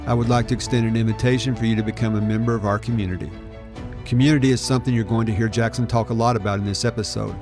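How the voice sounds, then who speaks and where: A middle-aged man hosting a podcast interview and reading an earnest, welcoming introduction. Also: on the low side. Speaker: podcast host.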